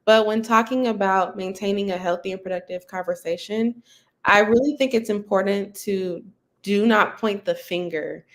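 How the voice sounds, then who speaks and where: A woman's voice: medium pitch, moderate pace. Earnest woman teacher on a panel. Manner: earnest, reflective, quotes herself in examples. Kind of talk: virtual panel discussion.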